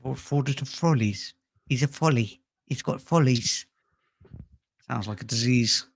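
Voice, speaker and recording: A man's voice: mid-range voice, a little slow, creaky. A man hosting a comedy stream, bantering playfully with stammering restarts and silly wordplay. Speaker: comedy show host. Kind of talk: casual banter.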